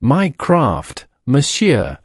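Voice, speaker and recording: A man's voice: mid-range voice, wildly swooping pitch, very slow, no echo, studio quality, heavily acted. A man voicing a theatrical, indignant French illusionist with a thick, resonant accent. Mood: proud.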